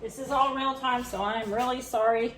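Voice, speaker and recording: A woman's voice: fairly high pitch, fairly even intonation, normal speed, heavy background noise. A woman chatting and giggling through a casual home kitchen cooking demo, a bit self-deprecating.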